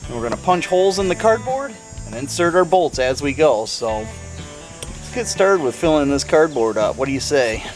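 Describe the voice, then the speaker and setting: Music runs behind a car restoration vlogger as he informally walks viewers through a hands-on project, do-it-yourself style. His voice is fairly high and animated, at a moderate pace.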